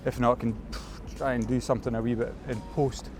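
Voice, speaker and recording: A man's voice: mid-range voice, level tone, fairly quick. Scottish male vlogger, casual and rambling, outdoor city streets with music bed. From Scotland. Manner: chatty, loose and rambling, with fillers and Scottish words. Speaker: photography vlogger. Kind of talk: casual walking vlog.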